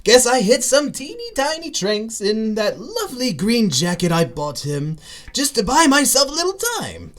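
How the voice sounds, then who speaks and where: A man's voice: very high voice, sing-song, moderate pace, a bit bright, exaggerated voice. A man playing a manic, theatrical clown villain in a radio drama, mocking and swinging from sing-song to menace. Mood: playful.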